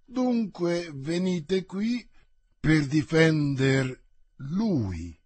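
A haughty nobleman who expects obedience, as a man reads him. He speaks slowly and coldly in a husky voice for a storybook audiobook. The sound is dry and close. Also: a little high, expressive, darkish tone, dry recording, full character voice. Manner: haughty, used to command. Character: haughty commanding nobleman leading armed riders.

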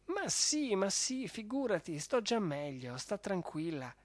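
A reader putting on a courteous young baron from a storybook, polite and soft-spoken, a few steps above the reader's own pitch. Dry, close sound with faint music under it. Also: male voice, very animated, measured pace, no room sound. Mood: gentle. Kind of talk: storybook reading.

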